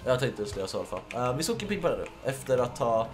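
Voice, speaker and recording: Young swedish guy doing casual gaming commentary, jokey and sweary, a bit under the weather, quiet music behind. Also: mid-range voice, very animated. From Sweden. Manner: joking, swearing, quick laughing outbursts. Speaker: gaming YouTuber. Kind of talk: casual let's-play commentary.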